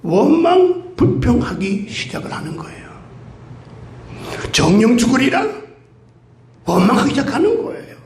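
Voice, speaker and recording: A man's voice: very high voice, very animated, fairly quick, few pauses, darkish tone. A man preaching a sermon as pastor, telling stories and acting out the voices of grumbling crowds. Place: church sanctuary. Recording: echoey church hall.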